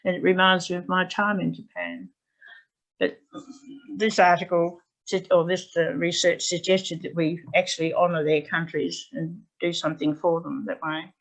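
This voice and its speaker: A woman's voice: on the low side, little pitch movement, moderate pace. A woman English teacher telling a classroom story to fellow teachers, chatty and rambling, speaking from home on a video call. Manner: chatty, rambling, with fillers and restarts. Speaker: English language teacher presenting. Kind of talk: anecdotal presentation to teachers. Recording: dull lo-fi video call audio.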